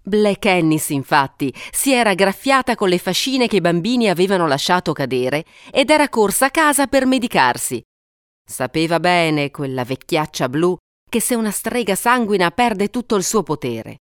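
Dramatic lower-voiced woman storyteller. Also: big pitch swings, normal speed, smooth, dry recording, clean studio sound. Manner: dramatic, lingering on suspense. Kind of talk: expressive fairy-tale narration.

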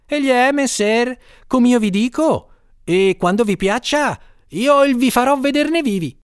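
A man's voice: very high voice, expressive, unhurried, smooth, dry recording, pitched above the performer's own voice. Rising well above his normal speaking voice, a nervous young cook pleads and scrambles for excuses, as a man puts him on. His thin voice lands dry and close, with no room around it. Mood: pleading. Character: frightened, quick-witted young male cook.

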